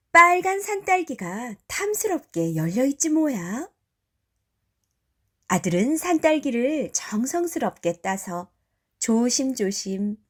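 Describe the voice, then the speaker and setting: A woman telling a bedtime folktale in a gentle, soothing ASMR narration. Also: fairly high pitch. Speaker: storyteller. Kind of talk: soft ASMR bedtime storytelling.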